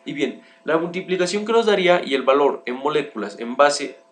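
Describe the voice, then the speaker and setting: A man's voice: fairly high pitch, lively intonation, brisk. A young man, a student, works through chemistry exercises aloud in a methodical way, often restarting his phrases. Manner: methodical, starts many sentences with "bien", restarts often. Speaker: student presenting homework.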